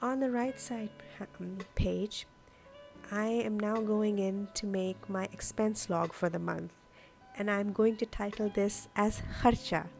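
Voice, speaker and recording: Over music, a host who grew up speaking Urdu casually explains a craft process for her journaling vlog. She speaks a little slowly with fairly even intonation, and her medium pitch is a little mellow with a distinct gravelly creak.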